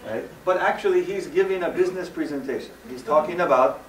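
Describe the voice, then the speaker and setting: A man from the American West Coast gives a playful stage talk in simple English, his voice a little high. He is heard from far off in a roomy hall with a faint hum behind him. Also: fast talker. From United States West Coast. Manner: lively, jokey, simple English for a Japanese audience. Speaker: presenter. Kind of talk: bilingual stage presentation. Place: large hall, recorded from afar. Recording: echoey hall, far from the mic.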